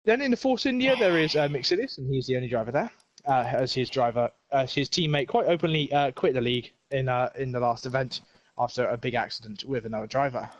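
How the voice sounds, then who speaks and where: Covering an online racing league, this young man speaks fast in a mid-range voice, joking and rambling with many fillers. He sounds a bit breathless and unwell, and while the stream audio is dull and lo-fi, there's no echo.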